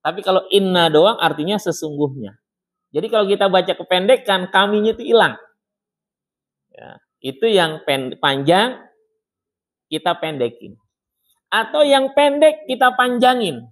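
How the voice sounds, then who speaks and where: A man leads a Quran recitation lesson in a mosque study circle, his voice sitting a little high for a man. He explains each point plainly, breaks into slow, melodic chanting of the verses, and calls on students by name to test them. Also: lively intonation. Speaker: Islamic teacher.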